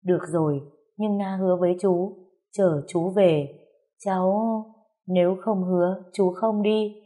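A woman reading aloud and voicing a man, an uncle who pleads softly with the girl he loves. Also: lowish voice, fairly even intonation, unhurried, close to an everyday voice. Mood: pleading.

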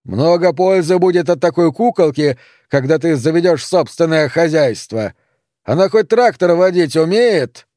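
Роль: разъярённый старый отец-фермер, лающий и презрительный, озвучивает мужчина; голос мягкий, запись сухая. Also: male voice, fairly high pitch, expressive, normal speed, mellow, no echo, clean studio sound, voice pushed up, natural voice. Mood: furious. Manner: barking, scornful. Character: furious old male farmer father, gruff.

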